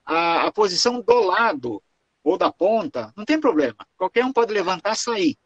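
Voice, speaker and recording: A man's voice: high voice, sing-song, normal speed, dry recording, lo-fi sound. A man with a Brazilian accent gives a lecture on protocol and answers questions, explaining patiently and tagging his phrases with "tá?" and "né?". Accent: Brazilian Portuguese. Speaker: lecturer on Lions Club protocol.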